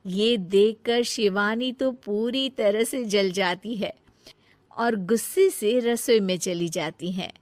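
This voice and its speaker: A woman narrator tells a cartoon moral tale from a script. Her delivery is slow and measured, and the recording is very dry. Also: mid-range voice, no room sound.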